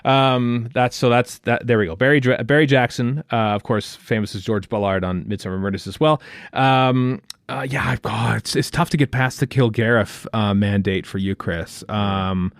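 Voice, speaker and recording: A middle-aged man co-hosting a podcast in casual chat, animated and jokey, quick to exclaim. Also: medium pitch, no room sound, clean studio sound. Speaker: podcast co-host.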